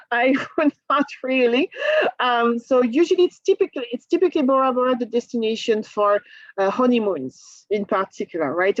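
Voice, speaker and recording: A woman's voice: fairly high pitch, no room sound, muffled recording. A woman with a French accent, a native French speaker from France, chatting through a cruise presentation, laughing often and restarting her words. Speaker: travel agent presenting a cruise. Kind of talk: casual presentation to a group.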